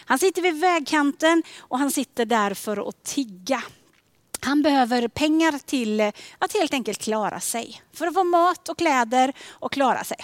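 A woman giving a sermon in a gentle, conversational way, often dropping to a soft near-whisper on key questions. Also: high-pitched, lively intonation, dry recording. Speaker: preacher.

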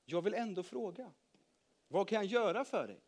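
Brief: gentle patient teacher figure, read by a man, calm and warm-hearted, children's Bible story. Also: high voice. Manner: calm and kind.

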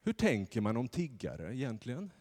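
A man preaching a lively sermon from the pulpit in a church, acting out the story as he goes. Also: mid-range voice. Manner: animated, acts out the story's voices. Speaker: pastor. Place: church sanctuary. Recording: long church reverb.

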